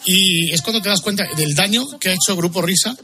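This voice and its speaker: Quick-talking man hosting radio over music. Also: high-pitched. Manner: jokey storyteller. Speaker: radio host. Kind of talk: casual radio chat.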